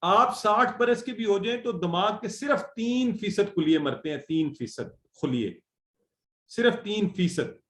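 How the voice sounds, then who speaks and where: एक आदमी, धैर्य से अरबी पढ़ाता शिक्षक, गूंजता कमरा. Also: male voice, high-pitched, expressive, fairly bright tone, reverberant. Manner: patient, encouraging, repeats drills slowly. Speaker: Arabic teacher. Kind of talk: online Arabic grammar class.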